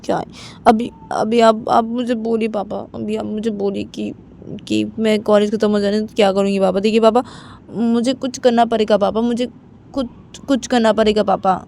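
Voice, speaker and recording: A woman's voice: mid-range voice, flat delivery, moderate pace, gravelly, warm tone, a little hiss or hum, pitched above the performer's own voice, close to an everyday voice. A woman voicing a college-age daughter who pleads with her father, repeating "papa" over and over in an amateur spoken story. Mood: pleading. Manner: repetitive, pleading with many "papa"s.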